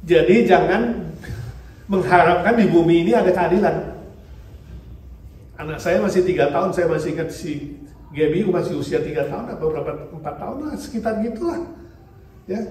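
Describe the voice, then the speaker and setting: A male pastor preaching a sermon in a lively way, asking the congregation questions and mixing in English phrases. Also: sits high. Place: church hall. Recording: distant mic in a very echoey church hall, faint noise.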